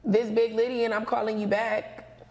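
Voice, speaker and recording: A slightly high, darkish female voice with a flat delivery and normal speed belongs to an American host chatting casually with callers. Brash and playful, she swears and uses plenty of slang. The recording, from a small studio lounge with couches, is noisy and reverberant with clicks.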